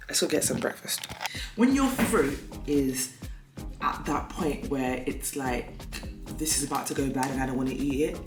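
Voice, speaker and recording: Chatty woman vlogging over music. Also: very deep voice. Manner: chatty, rambling, breezy asides. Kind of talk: casual vlog chat. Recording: echoey room with loud music behind.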